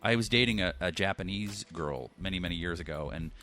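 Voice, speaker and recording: A man's voice: low-pitched, brisk. A man hosting a live radio show, chatting casually, swearing freely and laughing often. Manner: profane, excitable, laughs often.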